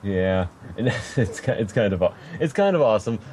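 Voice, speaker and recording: A man's voice: on the low side, very animated, moderate pace, darkish tone, slight background noise. A man hosting a podcast interview, chatting casually and rambling a little, correcting himself as he goes. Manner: rambling, self-correcting, light laughter. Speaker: podcast host.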